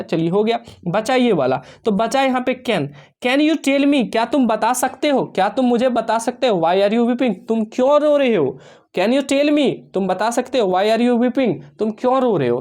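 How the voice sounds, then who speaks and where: A man teaching an exam-prep English lesson, explaining step by step and reading English sentences out slowly. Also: high-pitched. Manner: addresses students warmly as dear children.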